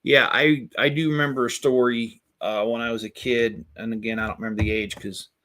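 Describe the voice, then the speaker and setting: Brisk and steady, with a fairly bright mid-range voice, a middle-aged Lego-building streamer chats casually with his live audience. His talk wanders, full of jokes and self-deprecation.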